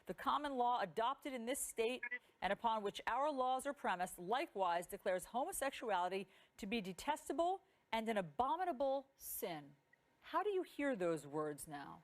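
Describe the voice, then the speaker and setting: A woman interviewing as a television news anchor, speaking in a measured, polite and articulate way. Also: fairly high pitch, big pitch swings.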